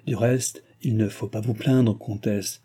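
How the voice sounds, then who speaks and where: A man voicing an old, suave and imperturbable male courtier in an audiobook, smooth, ironic and flattering. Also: fairly low pitch, a little slow.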